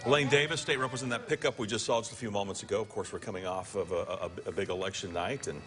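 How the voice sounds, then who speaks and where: A man's voice: fairly low pitch, very fast, a bit bright. A man co-hosting live parade coverage as a conversational commentator. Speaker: parade broadcast co-host.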